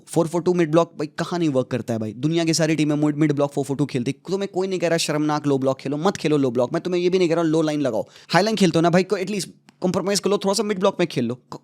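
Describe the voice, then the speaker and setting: A man's voice: fairly high pitch, darkish tone. A young man hosting a heated football analysis, passionate and exasperated, mixing in English and crude slang. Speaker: football channel host.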